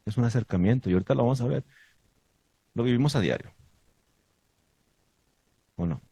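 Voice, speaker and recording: A man giving a sermon to his congregation, asking the listeners many questions and stressing points with lively emphasis. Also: medium pitch, normal speed, gravelly, breathy edge, dry recording. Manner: asks the audience many questions. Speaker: teacher of a congregation.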